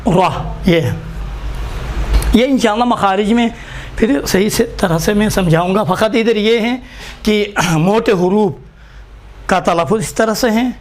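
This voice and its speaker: High-voiced man teaching a slow class. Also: a little hiss or hum. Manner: slow, repeats letters for students to write down. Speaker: Quran reading teacher. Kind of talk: live class instruction.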